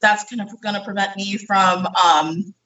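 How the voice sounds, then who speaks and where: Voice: medium pitch, steady tone, moderate pace, pushed and bright, far from the mic, dull audio. A home baker walking through a recipe in a live cooking demonstration, explaining each step in a chatty way with fillers while working, a little out of breath. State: slightly out of breath. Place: home kitchen. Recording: echoey kitchen, speaker away from mic.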